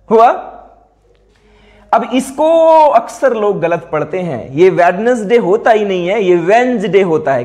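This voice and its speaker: High-voiced teacher drilling pupils. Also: male voice, a little mellow. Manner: asks pupils questions and repeats words slowly. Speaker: English pronunciation teacher. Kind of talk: classroom board lesson.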